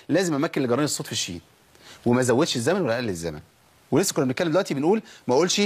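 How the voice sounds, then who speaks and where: A man with an Egyptian Arabic accent teaching Quran recitation, who asks and answers his own questions and slows down to drag out the sounds he demonstrates. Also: fairly high pitch, slightly rough. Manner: quick explanations broken by slow, drawn-out demonstrated sounds. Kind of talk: recitation lesson.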